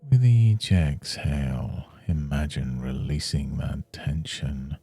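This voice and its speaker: With an extremely deep, husky voice, a man guides a meditation, speaking slowly and soothingly. His scripted phrases are measured and separated by long pauses, while soft music plays faintly in the background.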